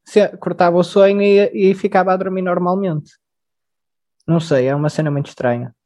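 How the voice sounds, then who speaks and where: A young man with a European Portuguese accent rambles loosely and leans on casual slang. His voice is mellow and dark. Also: sits high, fairly even intonation, a little fast. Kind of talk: casual chat.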